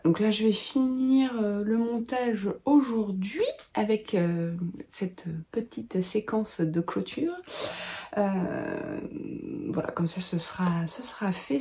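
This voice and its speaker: Mellow-voiced woman chatting about her day. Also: medium pitch. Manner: chatty, many filler sounds, thinks aloud. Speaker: knitting vlogger and pattern designer. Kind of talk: casual chat to camera. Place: home at a desk, lit by a lamp.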